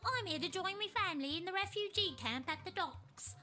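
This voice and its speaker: Teeny goblin boy, voiced by a woman for a game, very high, bright, small coughing voice. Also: lively intonation, fairly quick, faint music behind, heavily acted. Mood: timid. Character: tiny shy goblin boy refugee.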